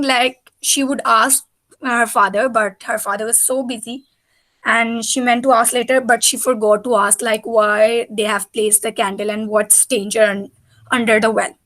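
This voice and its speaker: Higher-pitched woman tutoring, hesitant. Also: fairly even intonation, moderate pace, a bit bright, low-quality recording. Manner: hesitant, repetitive explaining in simple words. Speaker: mother tutoring her child in English reading. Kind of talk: informal reading lesson, explaining a story.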